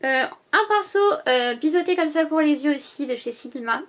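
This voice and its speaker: A woman vlogger with a high, light voice chats casually to her viewers. She goes through items one by one and fills her pauses with hesitant sounds. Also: a bit bright, a little hiss or hum. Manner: chatty, lists items one by one with many "euh" fillers. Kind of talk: casual packing-list vlog.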